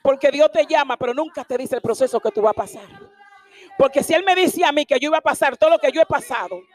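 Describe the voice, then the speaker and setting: A woman preaching a passionate sermon, emphatic and sometimes shouting. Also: high-pitched, fast talker. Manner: impassioned, emphatic, at times shouting.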